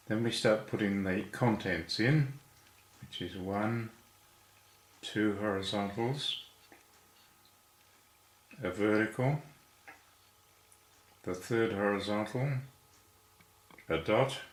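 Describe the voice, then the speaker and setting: A man's voice: on the low side, takes it slowly, long pauses, roomy sound. A man teaching Chinese character strokes, patiently explaining each one step by step. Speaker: language teacher. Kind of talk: calligraphy lesson, step by step.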